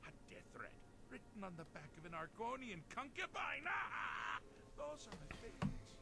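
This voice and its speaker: Mad god, high and swooping all over, mocking, game audio with hiss behind. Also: male voice, sing-song, normal speed, vocal fry, exaggerated voice. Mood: giddy, mocking. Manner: theatrical, capricious, mocking. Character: manic, whimsical male god of madness. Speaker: game character.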